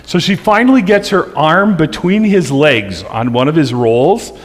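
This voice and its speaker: A middle-aged male pastor tells stories to his congregation in a relaxed, chatty manner. His voice sits a little high for a man, and it rings with the long reverb of a church sanctuary. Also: measured pace. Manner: chatty and humorous, laughing at his own stories. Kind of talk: church presentation with storytelling.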